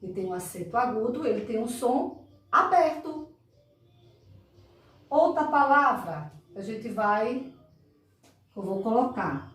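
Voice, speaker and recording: A Brazilian woman teacher speaking slowly and carefully to young pupils, stretching each syllable. Her voice sits fairly high and echoes heavily around the room. The mic is set well away from her. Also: lively intonation, far from the mic. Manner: drawn-out, emphatic enunciation of words, frequent "tá?" checks. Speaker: primary school teacher. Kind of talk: recorded remote lesson for children.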